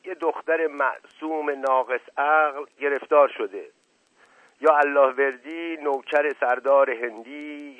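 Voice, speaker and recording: A man's voice: a little high, no room sound, voice pushed up, close to an everyday voice. A man voicing a witty middle-aged aristocrat who mocks and teases in a playful, sarcastic way, on a tinny radio recording. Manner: playful, sarcastic, repeats "moment" as a quip.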